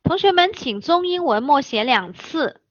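A woman teaching English vocabulary, slowly spelling words letter by letter and repeating key terms. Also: high voice, big pitch swings, no room sound. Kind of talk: vocabulary lesson. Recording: dull, dry close recording.

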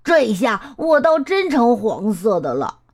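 A fretful little storybook chameleon who can't get his colors right, played by a woman. He whines slowly and stretches his words out. The voice sits high and swoops around a lot. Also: very animated, full character voice. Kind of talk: storybook character voice.

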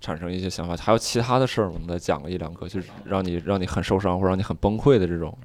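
A man co-hosting a podcast, asking his guest quick, pointed follow-up questions. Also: deep voice, darkish tone, dry recording. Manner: brisk interviewer, asks pointed follow-up questions. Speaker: podcast co-host. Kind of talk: casual podcast chat.

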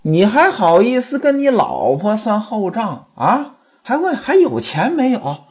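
A storyteller voicing a sharp-tongued young wife who scolds her husband at length in a raised, indignant voice. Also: medium pitch, huge pitch swings, unhurried, breathy edge, pitched above the performer's own voice, heavily acted. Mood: scolding. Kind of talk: traditional storytelling voice.

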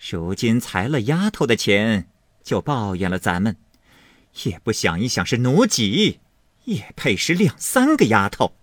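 A man voicing a scornful, sharp-tongued young noblewoman in a storybook reading, speaking loud and cutting. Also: lowish voice, sing-song, a little slow, dry recording, studio quality.

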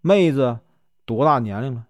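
A man's voice: medium pitch, expressive, normal speed, dry recording, clean studio sound, lightly acted. A man voicing an earnest, flustered young scholar visiting his aunt.

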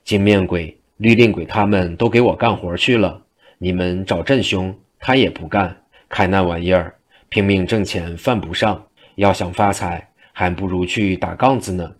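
A storyteller puts on a sly old monk who jokes his way through every order, his voice sitting very low and rumbling. He speaks offhand and teasing, like a master of traditional storytelling. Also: moderate pace. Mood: joking. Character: playful old male wandering monk, joking.

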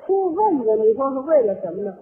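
A man leads a crosstalk comedy routine in a very high voice. He tells stories and mimics people laughing and wailing. The sound is thin and tinny, like an old recording heard over a phone line. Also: big pitch swings, fairly quick. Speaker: lead comedian.

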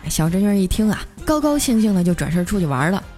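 A woman tells a comic story in a chatty, lively way, drawing out her particles. Her voice sits at a medium pitch. Soft music plays under her. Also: quick pace. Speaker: radio story host.

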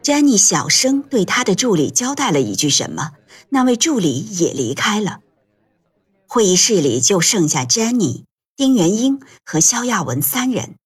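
A woman reading an audiobook aloud in gentle, measured scripted narration. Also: mid-range voice, sing-song, slightly rough.

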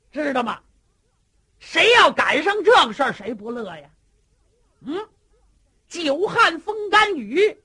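A woman storyteller voicing a bluff, jovial older male general who coaxes and lectures loudly. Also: very high voice, voice pushed up, full character voice. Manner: hearty, coaxing, loud.

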